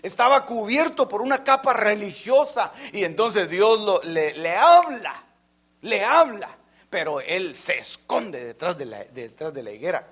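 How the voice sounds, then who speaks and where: A man preaching a fervent sermon, jumping from loud emphatic lines to near-whispers and often addressing listeners as brother. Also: sits high, animated, normal speed, hardly any pauses. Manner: keeps calling listeners "hermano".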